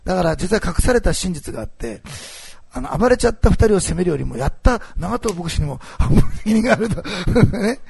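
A man preaching a sermon as pastor, telling a story with animated swings between loud bursts and hushed asides. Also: high voice, fairly quick, no echo. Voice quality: gravelly, husky.

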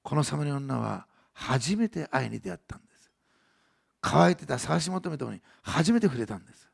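A man preaching a sermon in a very gravelly, husky voice that sits a little high. He talks fast and earnestly, dropping to hushed tones and then rising to emphatic declarations. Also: sing-song. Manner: earnest preaching, swings between soft hushed lines and raised emphatic ones. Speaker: pastor.

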